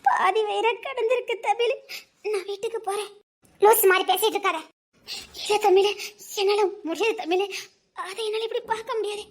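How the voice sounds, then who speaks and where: In a web drama, a woman with an extremely high-pitched voice plays a devoted working wife, speaking at normal speed. She earnestly protests and tearfully pleads, sobbing through laughter.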